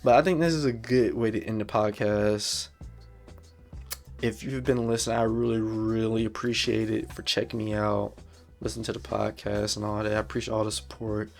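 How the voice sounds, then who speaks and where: A man's voice: fairly low pitch, level tone, normal speed, vocal fry, darkish tone, faint music behind. A man in his twenties hosting a solo podcast, talking bluntly in slangy, profane, repetitive casual speech. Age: 20s. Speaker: podcast host.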